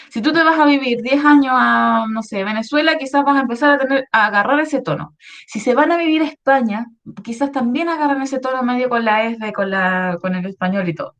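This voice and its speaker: A woman's voice: on the high side, fairly bright tone. A woman with a Chilean accent, a history teacher explaining a lesson to schoolchildren in an online class, often checking they follow. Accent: Chilean Spanish. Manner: patient, explaining with many checks like "¿ya?".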